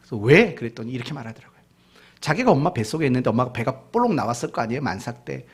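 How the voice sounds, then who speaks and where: Husky-voiced man preaching with lively swings. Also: mid-range voice, racing. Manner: questions the congregation directly, swings between loud and hushed; mixes in humorous family anecdotes. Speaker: pastor. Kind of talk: sermon.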